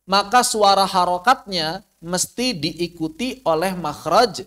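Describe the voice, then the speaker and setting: Indonesian-accented man, high voice, recitation teacher, over-enunciated syllables, drawn-out demonstrations, instructive. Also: fairly bright tone. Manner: instructive, with repeated examples and rhetorical questions. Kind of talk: live lesson on Arabic pronunciation.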